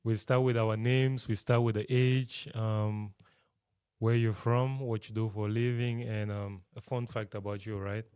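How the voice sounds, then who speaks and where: A man hosting a podcast, guiding the introductions in a relaxed, unhurried way. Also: fairly low pitch, smooth, no room sound, studio quality. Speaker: podcast host. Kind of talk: casual interview.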